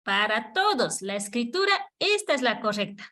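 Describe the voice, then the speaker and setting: A woman's voice: a little high, very animated, moderate pace, sharp tone. A woman teaching an online Kichwa class, patiently repeating words for the students to echo. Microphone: video call.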